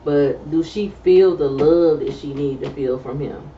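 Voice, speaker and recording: A woman's voice: low voice, a little slow, dark tone, slight background noise. A middle-aged woman, talking candidly in a loose, casual chat as co-host. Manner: candid, loose conversational talk with many fillers. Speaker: podcast co-host. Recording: roomy, distant, slightly dull sound.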